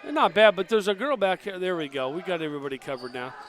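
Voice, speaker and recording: A fairly high-voiced man calls a local girls' basketball game. He talks like a fan in the booth, telling the players to push the ball and stop the girl with the ball. His voice sits a bit above most men's. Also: expressive, fast talker. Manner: partisan, coaching the players from the booth. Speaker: color commentator.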